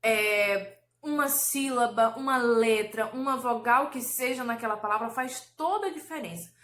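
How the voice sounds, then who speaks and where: A woman teacher giving a recorded lesson for children, patiently explaining and drawing out syllables slowly. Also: a little high, a bit bright, echoey room. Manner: slow, drawn-out syllable pronunciation, patient and explanatory.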